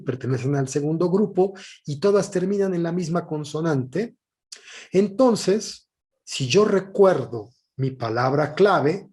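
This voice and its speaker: Slow, patient teacher, man. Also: a little high, a little mellow. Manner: patient, explanatory, with frequent "eh" pauses. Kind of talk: recorded classroom lesson.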